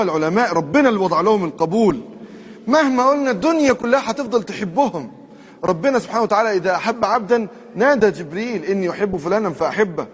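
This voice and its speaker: Fast-talking Egyptian preacher. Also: male voice, high voice. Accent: Egyptian Arabic. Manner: lively, quizzes the audience with questions. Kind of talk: colloquial sermon.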